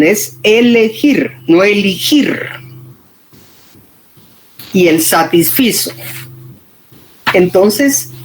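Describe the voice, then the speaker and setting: A woman's voice: mid-range voice, darkish tone, slight background noise, low-quality recording. A woman teaching a writing workshop in an informal lecture style, explaining patiently and often checking that her students follow.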